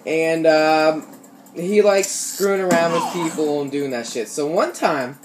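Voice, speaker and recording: A young American man from Ohio, a teenager or young adult, talks in a slightly high, slightly slow voice. The gaming YouTuber tells casual stories over gameplay, full of slang and swearing, in a noisy home recording with shooter game sounds behind him.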